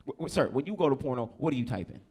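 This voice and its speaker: A man's voice: mid-range voice, expressive, very fast, a little mellow. A young adult man from New Jersey doing a stand-up comedy set, loose and crude, teasing the crowd on a handheld mic. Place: comedy club stage.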